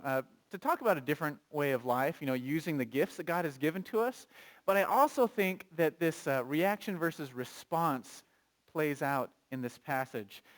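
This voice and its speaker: A pastor preaching a sermon, conversational and animated, asking the congregation questions and reading scripture aloud. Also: male voice, fairly high pitch.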